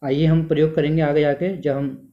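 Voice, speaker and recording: A man's voice: a little high, flat delivery, moderate pace. A male teacher giving a classroom lecture, asking the class questions and then answering them himself. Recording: dull lo-fi sound.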